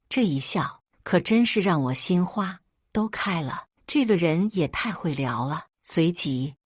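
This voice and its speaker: A woman narrating a first-person drama story in a playful, lively way. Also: lowish voice, no echo, clean studio sound.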